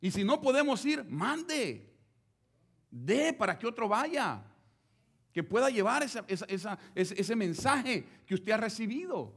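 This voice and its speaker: A man's voice: high-pitched, a little slow, slightly rough. A man preaching a sermon, speaking straight to his listeners with rhetorical questions. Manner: animated, addresses listeners directly with rhetorical questions.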